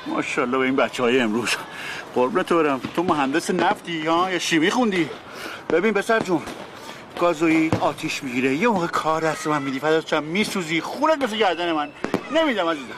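An actor playing a blunt, teasing van driver who talks in a joking, exasperated, colloquial way. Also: male voice, on the high side, lively intonation, lightly acted. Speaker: truck driver. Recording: outdoor street noise.

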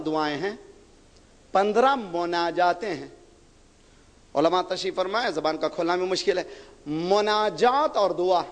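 A man preaching an impassioned sermon, firing rhetorical questions at the audience and swelling to shouts. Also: high voice. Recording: long reverb of a large hall.

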